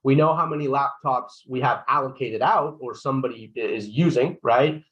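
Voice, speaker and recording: A man presenting a software product walkthrough on a webinar. He explains steps one by one, keeps checking in with "right?", and often restarts his sentences. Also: mid-range voice, normal speed, highs cut off. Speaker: solution consultant presenting a software demo.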